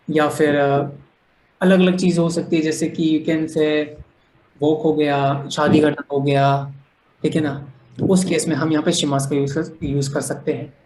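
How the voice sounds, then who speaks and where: A man's voice: fairly high pitch, a little mellow, reverberant, low-quality recording. A man teaching a language class online, explaining patiently, often checking that students follow, and mixing English phrases into his talk.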